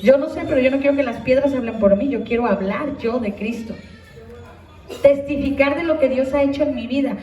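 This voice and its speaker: A woman pastor with a high voice preaches to her congregation, asking them questions and urging them to act. She sounds a little distant from the mic, and her voice rings through an echoey church hall with a faint hum of the room behind her. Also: fairly quick, dark tone, muffled recording, faint music behind. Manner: direct, questioning the congregation, exhorting. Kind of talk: sermon.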